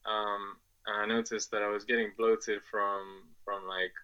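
Recorded with the highs cut off, this man's low, clear, resonant voice has a flat delivery and measured pace. In his twenties, he is from Afghanistan but grew up in England, and he answers casually as a podcast guest, hesitating and laughing often with many fillers and restarts.

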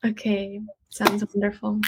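A young woman talking casually about her music in an interview, chatty and quick to laugh, with lots of "like" in her speech. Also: medium pitch, completely flat delivery, heavy background noise. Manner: chatty, uses "like" a lot, laughs easily. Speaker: guest musician.

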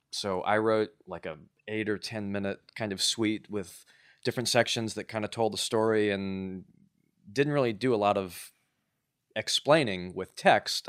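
A man in his forties with a fairly low voice, chatting as a guest in a casual interview. He rambles in a relaxed way and leans on fillers like "um" and "like" as he tells his stories. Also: smooth, no room sound, studio quality. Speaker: guest composer.

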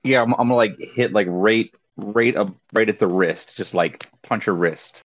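A man playing a tabletop game who talks in a hesitant, halting way. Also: lowish voice, no room sound, lo-fi sound. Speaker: player. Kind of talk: casual tabletop play.

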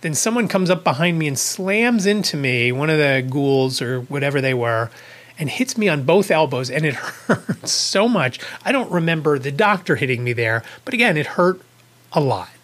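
A man's voice: on the high side, animated, moderate pace, fairly bright tone. A man hosting his own podcast, telling a story in a casual, rambling way, correcting himself and chuckling at his own asides. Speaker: podcast host.

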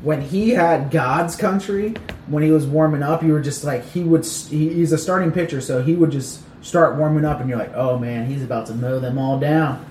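Man, podcast guest, slightly high voice, playful arguer, roomy echo with faint noise. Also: moderate pace, darkish tone, distant mic. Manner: joking, playfully argumentative. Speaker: podcast guest, baseball front office staffer. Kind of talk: casual chat over beers.

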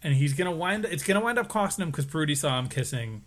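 Lively male podcast co-host. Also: fairly high pitch, quick pace. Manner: lively, chuckling, playful asides. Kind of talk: casual chat recapping a TV episode.

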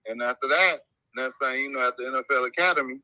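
A young man heard through a phone on speakerphone, held up to a microphone. His voice is sharp and very bright, with a dry sound. He rambles casually through his story, linking each event with "and then after that.". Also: medium pitch, fast, no echo. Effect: phone call played over speakerphone held to the mic. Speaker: guest football player.

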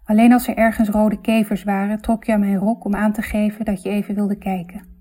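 A woman reads literary fiction aloud in a reflective, intimate manner. Her voice is warm and mellow, and her delivery is measured. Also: medium pitch, little pitch movement. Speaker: narrator. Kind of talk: literary audiobook narration.

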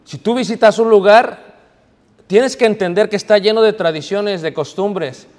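A man's voice: sits high, darkish tone. A man preaching a sermon to a congregation, telling stories, asking the audience questions and mixing in English. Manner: storytelling, asks the audience questions, mixes in English. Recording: reverberant hall.

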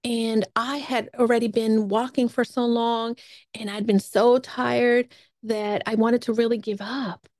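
A woman podcast host telling a personal travel story in a lively way, acting out her own thoughts as quotes. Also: on the high side, measured pace, no room sound, studio quality.

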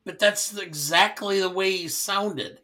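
A male podcast co-host with a bright, forward tone. He tells dry, rambling anecdotes in a relaxed, conversational way. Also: high-pitched, a little slow. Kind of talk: casual film discussion.

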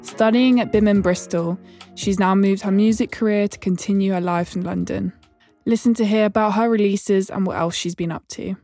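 A woman's voice: medium pitch, fairly even intonation, normal speed, mellow, dry recording, faint music behind. A woman hosting an interview podcast, speaking as the presenter in an informal, conversational register. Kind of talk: scripted introduction and casual interview.

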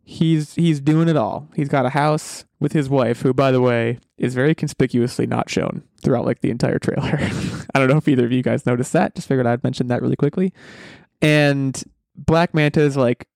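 A man's voice: medium pitch, fairly even intonation, moderate pace, creaky, a little mellow, dry recording, clean studio sound. A man hosting a casual pop culture podcast, speaking in an opinionated, emphatic way and often restarting his sentences. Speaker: podcast host. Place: basement room at home.

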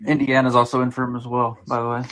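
A man's voice: medium pitch, monotone, fast, fairly bright tone. A man co-hosting a sports podcast, talking casually and repeating words as he thinks. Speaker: podcast co-host.

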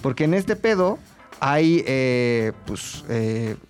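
A man's voice: mid-range voice, very animated, takes it slowly, soft background music. A Mexican man chatting casually on a podcast, telling a story in heavy slang. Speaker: podcast host. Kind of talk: casual chat.

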